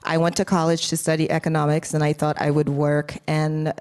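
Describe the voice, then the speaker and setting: A woman from Haiti telling her life story on a panel in a deliberate, earnest way. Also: deep voice, completely flat delivery, darkish tone.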